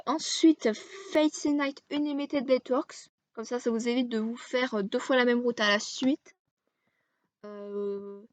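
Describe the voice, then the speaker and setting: A woman with a high, light voice talks slowly through a list, stopping often to find her next word. The sound is dull and lo-fi, with a dry, close feel and no room echo. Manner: halting, frequent hesitations while listing titles. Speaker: anime video creator. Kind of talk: casual explainer to camera.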